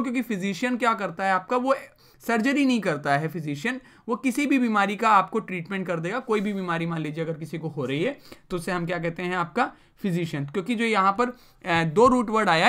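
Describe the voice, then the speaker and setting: Guy teaching word roots, bright clear voice, keeps asking "what does it mean?" then answering. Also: sits high. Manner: explains with repeated rhetorical questions; mixes English terms into Hindi speech. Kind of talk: vocabulary lesson.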